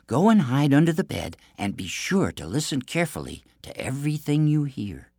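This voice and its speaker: Guy putting on a high breathy young princess, urgent and coaxing, bouncy lively pitch, kinda gravelly underneath. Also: normal speed, dry recording, clean studio sound. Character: young princess, frightened but clever.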